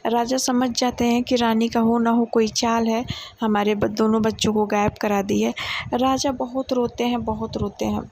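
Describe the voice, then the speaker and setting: A woman's voice: a little high, flat delivery, moderate pace, a little mellow. A woman telling a moral folk tale informally, in a plain conversational way, repeating phrases for emphasis. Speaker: storyteller.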